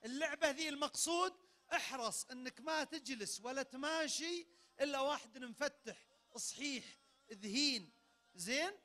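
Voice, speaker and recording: Saudi man, event game host, handheld mic; very high, piercing voice, lively and commanding. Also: normal speed. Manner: energetic, barks sudden commands. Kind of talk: leading a party game for a crowd. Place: large event tent. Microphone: handheld microphone.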